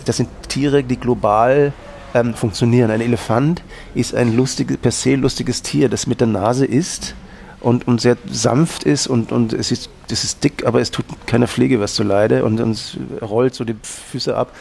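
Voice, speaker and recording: A man's voice: mid-range voice, steady tone, moderate pace, gravelly, darkish tone, slight background noise. A man from Austria, a guest in an interview, telling rambling anecdotes with many restarts. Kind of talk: casual interview talk.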